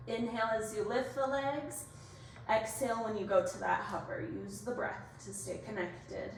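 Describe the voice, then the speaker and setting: A woman leading an exercise class as instructor, giving brisk, directive cues and counts in short imperative phrases. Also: fairly high pitch, steady tone, gravelly. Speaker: workout instructor. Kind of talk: exercise class coaching, cueing moves and counts. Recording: echoey room, distant mic, faint noise.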